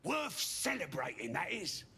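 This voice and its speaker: Gravelly, boastful goblin brute. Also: male voice, sits high, huge pitch swings, unhurried, sharp tone, heavily acted. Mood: gloating. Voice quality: gravelly, coarse. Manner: gloating, bossy, dropping word endings. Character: rowdy male goblin brute, crude and boastful.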